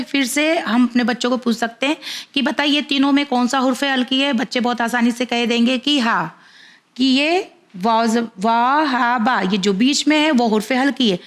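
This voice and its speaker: A woman teaching Quran reading to parents, patiently sounding out syllables one by one. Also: on the high side. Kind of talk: slow spelled-out letter-by-letter instruction.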